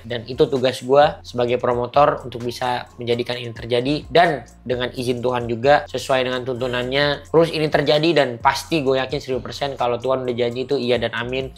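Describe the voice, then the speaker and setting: An animated young man from Indonesia talks casually to his viewers as a fight promoter. He explains rules with energy and jumps readily between points. His voice sits at an ordinary middle pitch. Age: 20s. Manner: animated, gestures while explaining. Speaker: fight promoter reacting to comments. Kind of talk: casual vlog commentary.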